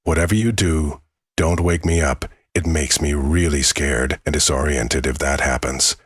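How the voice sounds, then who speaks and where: Man reading as an anxious, pleading girlfriend, husky voice. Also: extremely low pitch, fairly even intonation, moderate pace, no room sound, clean studio sound. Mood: earnest warning. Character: embarrassed, pleading young girlfriend confessing a frightening secret. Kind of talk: horror story narration.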